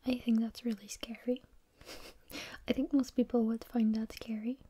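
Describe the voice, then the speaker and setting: A woman whispering in a breathy, unvoiced voice, reading stories and rambling informally in an unhurried ASMR style. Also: on the high side, little pitch movement, mellow.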